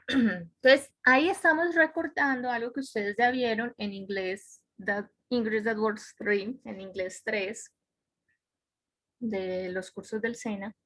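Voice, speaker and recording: Woman teaching a web-conference lesson; higher pitch, deliberate pace, checks in often. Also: fairly even intonation, fairly bright tone. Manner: explains step by step, checks with "¿cierto?". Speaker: English teacher. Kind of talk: online class lecture. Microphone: computer microphone on a video call.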